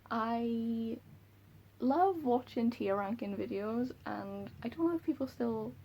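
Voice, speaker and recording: This young Welsh book vlogger chats casually to camera from a window-side room at home, laughing a lot and putting herself down. She speaks at medium pitch with a creaky, slightly mellow quality, and there's a little hiss or hum.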